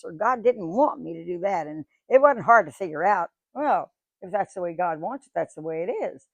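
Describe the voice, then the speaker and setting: In a museum event room, a ninety-something guest speaker from Georgia, USA, spins chatty, folksy tales of her life for a live audience, voicing what others said. Her pitch is fairly low with vocal fry, and the recording is dry.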